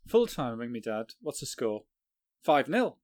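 A man's voice: mid-range voice, normal speed, no echo. Wry dry-voiced man from Sunderland. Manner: wry, animated when telling anecdotes. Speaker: football writer and podcast co-host. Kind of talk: casual podcast chat.

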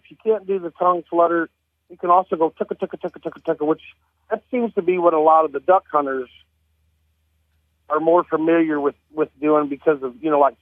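A man's voice: on the high side, dry recording. A man from Missouri, a radio guest explaining things in a plainspoken, informal interview chat. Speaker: guest, game call maker. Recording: thin telephone line.

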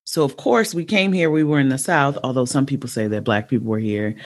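A woman in her forties hosting a podcast, chatting casually and thinking aloud, with many restarts and sudden jumps up in pitch. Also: a little fast. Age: 40s. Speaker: podcast host and educator. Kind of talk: casual conversational interview.

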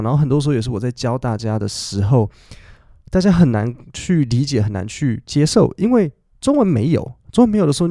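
Man, twenties, podcast English teacher, explanatory, repeats himself, mellow tone, dry sound. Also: mid-range voice, creaky, no echo. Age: 20s. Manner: explanatory, repeats phrases while thinking.

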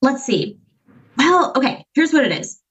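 A woman in her twenties from Massachusetts, a climate organizer talking passionately and quickly in a podcast interview, with many fillers. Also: sits high, big pitch swings, a bit bright, dull audio. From Massachusetts, USA. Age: 20s. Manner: passionate, fast, with frequent fillers. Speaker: climate movement organizer, guest.

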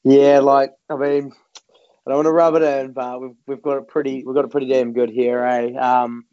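A man's voice: mid-range voice, level tone, moderate pace, darkish tone, dull audio. A man with a New Zealand accent chatting casually and colloquially as an interview guest. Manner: informal, colloquial, refers to himself in third person. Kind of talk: casual chat.

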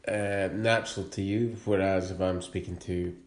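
Halting northeast Scottish man, roomy sound. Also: low voice, steady tone. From northeast Scotland. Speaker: interviewee. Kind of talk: casual chat.

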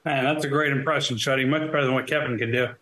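Laid-back curious podcast co-host. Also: male voice, mid-range voice, fairly even intonation, racing, very noisy. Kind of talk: casual chat.

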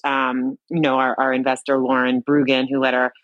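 A startup founder talks conversationally as a panel guest. The voice is medium in pitch and recorded dry, with little room sound. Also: monotone, normal speed, fairly bright tone, no echo, dull audio.

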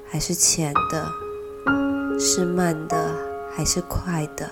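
A woman with a slightly nasal voice from a cold softly leads a guided meditation, soothing and unhurried, leaving long pauses between phrases. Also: low-pitched, little pitch movement. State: has a cold. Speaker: podcast host leading a guided mindfulness meditation. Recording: piano music behind the voice. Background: gentle piano music.

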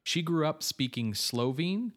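A man with a fairly high voice and lively intonation co-hosts a film podcast, unhurriedly reading background notes on the cast and crew. He's informative but sprinkles in casual fillers and asides.

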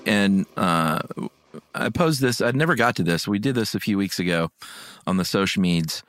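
A man's voice: low-pitched, expressive, moderate pace, fairly bright tone, faint music behind. A man hosting a podcast, chatting casually and reading listener comments in an informal, laid-back way. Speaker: podcast host.

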